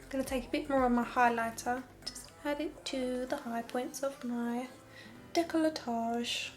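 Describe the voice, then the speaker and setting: A young woman walks through her makeup routine in a chatty, candid tone, dropping wry, sarcastic asides along the way. Her voice sits a touch high, and soft music plays faintly in the background. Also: fairly even intonation, normal speed. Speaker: makeup tutorial host. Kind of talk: casual makeup tutorial narration.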